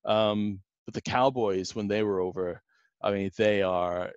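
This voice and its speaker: A man's voice: fairly low pitch, fairly even intonation, unhurried, smooth, dry recording, highs cut off. A man, rambling through a casual podcast anecdote with many fillers. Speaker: podcast guest.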